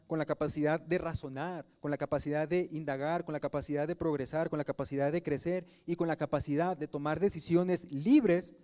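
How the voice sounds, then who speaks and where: Delivering his sermon in an easygoing, conversational manner, a pastor from Mexico often turns to the congregation with rhetorical questions. His voice is mellow and warm, though somewhat high for a man.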